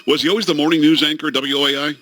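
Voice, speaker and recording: A middle-aged man with a fairly high voice talks very fast as a radio talk show host. Bantering casually with his co-hosts, he tells jokey stories in an animated way.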